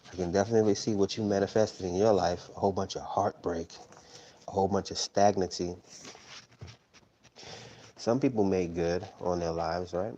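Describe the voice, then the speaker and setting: A man's voice: sits low, steady tone, normal speed, long pauses, dark tone, dull audio, slight background noise. A man in his thirties hosting a tarot live stream, rambling casually and tagging his points with "right?". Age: 30s. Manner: rambling, tags sentences with "right?".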